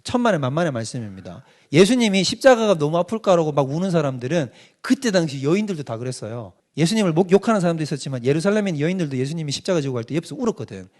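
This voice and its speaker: A man's voice: a little high, big pitch swings, very fast, hardly any pauses. A middle-aged male pastor giving an emphatic doctrinal lecture, firing questions at his listeners and answering them himself. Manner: emphatic, mimics people with sudden loud outbursts.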